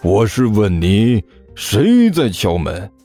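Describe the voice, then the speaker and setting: A male narrator voicing a grumpy, gruff older master swindler who scolds his apprentice in an audiobook story. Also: on the low side, wildly swooping pitch, takes it slowly, warm tone, faint music behind, heavily acted. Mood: irritable.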